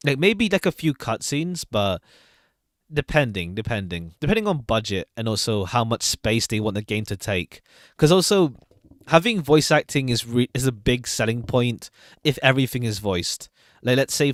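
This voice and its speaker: A man's voice: on the low side, no echo, studio quality. A man giving casual livestream commentary as a streamer, chatty and hesitant as he thinks aloud. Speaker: streamer reacting to game trailers.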